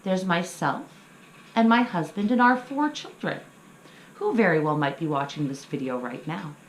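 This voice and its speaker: Speaking at an ordinary pace, a middle-aged story time host leads a craft session for young children, explaining simply and cheering them on. Her voice is fairly low and full of expression. Faint background noise carries through an echoey room.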